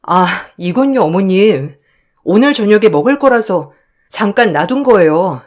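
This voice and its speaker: Her voice medium in pitch and a little slow, a woman recounts her own story expressively, taking on her own part in the dialogue as a wounded, pleading wife.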